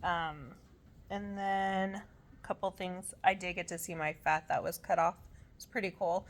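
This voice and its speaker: Casual female vlogger, lowish pitch, worn out while recovering from surgery, rambling and often trailing off. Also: steady tone, unhurried. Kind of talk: casual chat.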